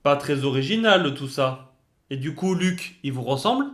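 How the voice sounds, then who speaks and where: A man's voice: medium pitch, lively intonation, normal speed, a bit bright. A man acting as interviewer in a comic mock interview, politely formal but teasing.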